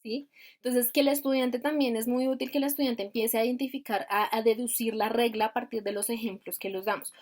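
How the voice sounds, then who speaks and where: A woman's voice: fairly high pitch, darkish tone. A woman teaching grammar over a video call, explaining step by step and asking rhetorical questions. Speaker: grammar instructor.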